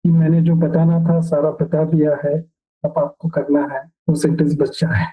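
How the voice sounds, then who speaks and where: A man's voice: on the high side, warm tone. A man joining a discussion, affirming and agreeing with the teacher. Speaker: guest discussant. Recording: tinny phone-like line.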